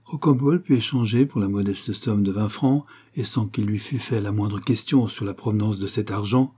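A man narrating a novel for an audiobook in a steady, measured way. His voice is low and dark with a husky edge.

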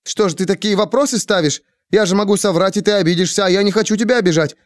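A man's voice: high-pitched, darkish tone, dry recording, clean studio sound, pitched above the performer's own voice, lightly acted. A man voicing an anxious, rambling young woman in her twenties who frets and wails. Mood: flustered. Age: 20s. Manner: frantic, fast, wailing.

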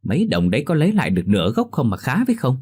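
A man's voice: medium pitch, huge pitch swings, racing, a little mellow, slightly rough, pitched above the performer's own voice. A man voicing a stingy, bad-tempered middle-aged village man who grumbles and scolds. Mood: scheming.

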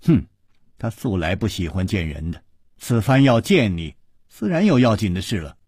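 A man putting on a proud young princess who teases and mocks. Her lines come low, soft and husky from a storybook narrator. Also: sing-song, normal speed, no room sound, clean studio sound. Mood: teasing. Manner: sharp-tongued and mocking.

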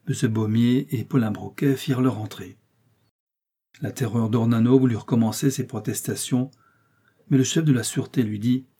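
A man reading a novel aloud in steady, measured audiobook narration. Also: mid-range voice, breathy edge. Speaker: audiobook reader.

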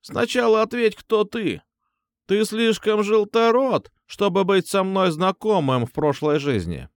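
A man reading an audiobook, voicing an elderly female hitwoman with a rattling, low voice and a crude, commanding manner. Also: animated, unhurried, dry recording, studio quality. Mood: gruff. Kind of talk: audiobook narration.

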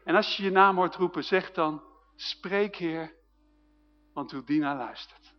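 A man's voice: fairly high pitch, a little slow, natural voice. Man voicing a weary old priest. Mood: gentle. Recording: dull sound with long hall reverb.

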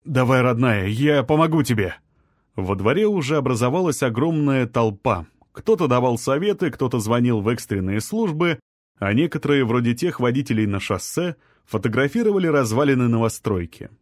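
Clean studio sound and a dry recording carry a male audiobook narrator's medium-pitched voice. He reads scripted narration in an even, measured storytelling way.

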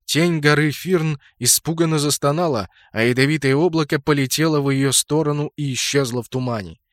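A man narrating a fantasy audiobook in a steady, measured storytelling voice. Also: a little high, no room sound, clean studio sound. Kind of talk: scripted narration.

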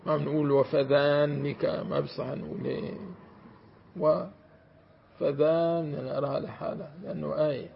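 A sheikh lectures his students on grammar, drawing out each example word and checking that they understand. His voice is strongly gravelly and sits a little high for a man. The recording is dull and lo-fi, with a faint hiss under it. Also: steady tone, moderate pace. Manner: stretches out words to demonstrate them, checks that students follow. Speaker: sheikh teaching Quranic commentary.

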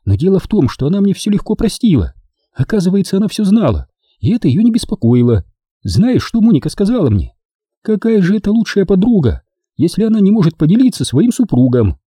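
A man voicing a playful, chatty young woman who teases her lover, raising his pitch high. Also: big pitch swings, brisk, mellow, husky, no room sound, clean studio sound, exaggerated voice. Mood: teasing. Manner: chatty, teasing.

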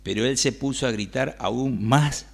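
Gravelly Rioplatense preacher. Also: male voice, mid-range voice, a little slow. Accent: Rioplatense Spanish. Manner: conversational, asks the congregation questions. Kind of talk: sermon. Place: church.

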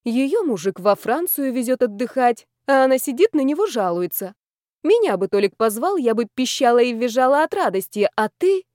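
Brief: a woman reads a shrewd, pushy female friend in an audiobook, loud and bossy. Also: fairly high pitch, sing-song, dry recording, clean studio sound, voice pushed up. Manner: brisk, bossy and emphatic.

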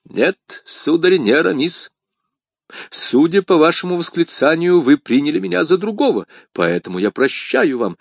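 A man reading the part of a proud foreign nobleman in an audiobook, slow and measured. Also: fairly high pitch, big pitch swings, gravelly, no room sound, studio quality, pitched above the performer's own voice, heavily acted. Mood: haughty.

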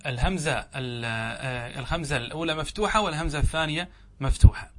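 Man teaching grammar, slow and questioning. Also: a little high, a bit bright, a little hiss or hum. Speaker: sheikh teaching Arabic grammar. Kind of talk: classroom lesson explaining a grammar text.

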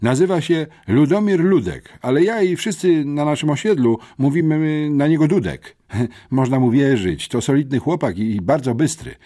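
A man doing a loud, crowing young policeman. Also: a little high, lively intonation, moderate pace, voice pushed up. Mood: vouching. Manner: loud, eager to vouch. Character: loud, slightly cockerel-voiced male policeman. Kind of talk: audiobook character voice.

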